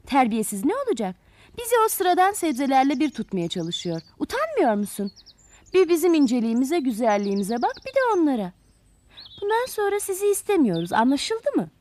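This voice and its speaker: A woman voicing a chorus of haughty, vain garden flowers in a children's storybook, speaking in a shrill, bossy way. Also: fairly quick, few pauses, darkish tone, a little hiss or hum.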